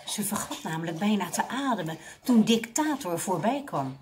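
Lively woman reading a kids' book aloud. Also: medium pitch, normal speed, noisy background. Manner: animated storytelling, expressive. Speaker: library reading consultant.

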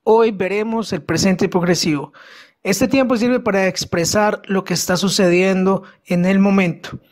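An English teacher giving a methodical, step-by-step grammar lesson in Spanish, slowing down to pronounce each English example carefully. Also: mid-range voice.

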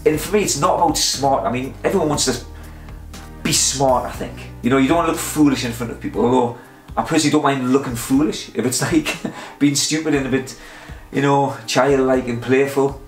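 A man's voice: mid-range voice, fairly quick, faint music behind. Chatty, rambling man in an echoey room. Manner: chatty, meandering, self-interrupting with fillers. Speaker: vlogger. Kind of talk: casual rambling talk to camera.

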